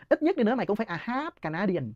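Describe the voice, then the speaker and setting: A man's voice: high voice, sing-song, dry recording, lo-fi sound. A man, hosting and answering listener questions in a heated, scornful monologue punctuated by laughs. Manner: rapid, scornful ranting with frequent laughs.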